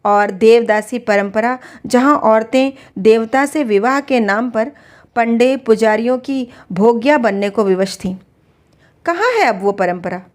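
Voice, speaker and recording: Woman reading as a calm, earnest husband. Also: very high-pitched, unhurried. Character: calm, reasoning husband challenging harsh customs.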